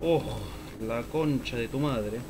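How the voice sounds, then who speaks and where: A man with an Argentine accent streams a game in casual chat, excitable, swearing playfully and repeating words. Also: medium pitch, takes it slowly, background noise. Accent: Argentine Spanish. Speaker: gaming streamer. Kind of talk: casual live gameplay chat.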